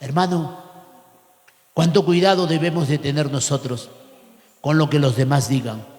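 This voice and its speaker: A man with an Ecuadorian accent preaching a fervent sermon in a church hall, often shouting and then dropping soft. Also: fairly high pitch, fairly even intonation, moderate pace. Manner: fervent, shouting, swings between loud and soft. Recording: echoey hall with long reverb.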